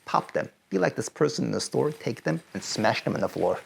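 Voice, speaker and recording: A rabbi giving advice with a gravelly edge to his voice. His pitch swings widely as he repeats phrases for emphasis. He climbs to loud, insistent peaks. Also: expressive, a little fast. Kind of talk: advice talk to teenagers.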